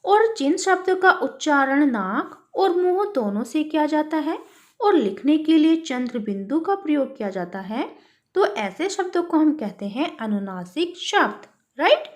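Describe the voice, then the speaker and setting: High-voiced teacher talking to children. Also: female voice, sing-song, a little slow. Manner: addresses the children warmly as "beta", asks and answers her own questions. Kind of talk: worksheet lesson for children.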